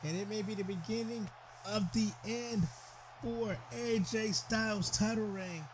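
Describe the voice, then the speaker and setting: A high-pitched man calls a video game match like a ringside commentator. He gets excited, trips over his words and shouts advice at the wrestlers. A steady hiss and game sounds sit under the voice. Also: unhurried.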